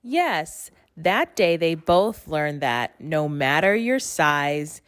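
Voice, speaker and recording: Woman, storybook narrator, lowish voice, lively swooping intonation, unhurried, expressive rhyming delivery. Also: clear, resonant tone, no echo, clean studio sound. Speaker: storybook reader. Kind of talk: expressive children's read-aloud narration of rhyming verse.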